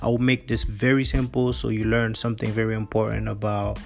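Earnest male podcast host, low voice with vocal fry, explainer tone. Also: level tone, fairly quick, faint music behind. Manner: earnest, explanatory, repeats words when restarting. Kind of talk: solo finance podcast.

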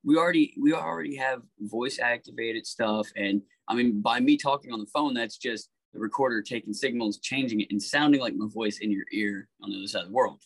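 A man talking casually as a podcast guest, animated, swearing freely and pitching story ideas. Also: fairly quick, gravelly, few pauses, dry recording, low-quality recording.

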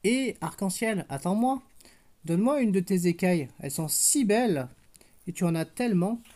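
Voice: mid-range voice, animated, moderate pace, mellow, voice pushed up, close to an everyday voice. A parent reading aloud and voicing a small, timid blue fish who pleads politely. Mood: pleading.

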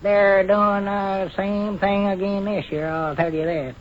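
A man's voice: high-pitched, little pitch movement, a little slow. A man playing a folksy, grumbling country fellow with a rural Southern accent in a 1940s radio comedy. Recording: muffled, noisy 1940s radio recording.

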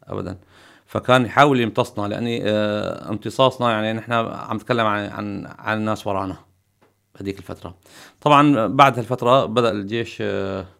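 Middle-aged Syrian-accented man, guest storyteller; low, heavily gravelly delivery. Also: fairly even intonation, fast, fairly bright tone. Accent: Syrian Arabic. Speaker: podcast guest. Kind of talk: recounting memories in conversation.

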